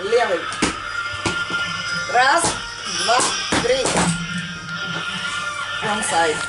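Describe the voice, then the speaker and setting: A woman's voice: a little high, lively intonation, very slow, over loud music. A woman putting on a stern Soviet comedian with a fake Russian accent, performing live. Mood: deadpan. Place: small comedy club stage. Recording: roomy club, far from mic, noisy crowd.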